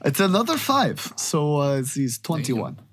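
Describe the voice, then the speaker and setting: A man playing a tabletop game, talking in a hesitant, halting way with many restarts. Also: fairly high pitch, very animated, husky. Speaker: player.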